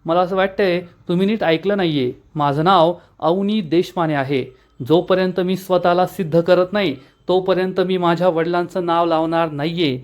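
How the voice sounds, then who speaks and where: A man's voice: sits high, fairly even intonation, moderate pace, close to an everyday voice. A man reading the lines of an earnest, confident young woman in a retold story.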